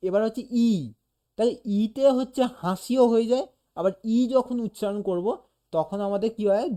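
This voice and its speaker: In a casual one-on-one session, an animation teacher with a dark-toned, mid-range voice explains things patiently. To demonstrate, he says sounds out loud, and he often pauses to ask "okay?"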